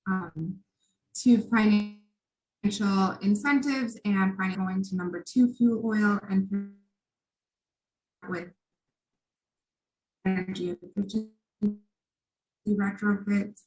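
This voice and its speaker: A woman official testifying over a video call whose audio keeps breaking up and cutting out, halting with frequent ums. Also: medium pitch, steady tone, music in the background, low-quality recording. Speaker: city agency official testifying. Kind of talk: formal testimony at a hearing.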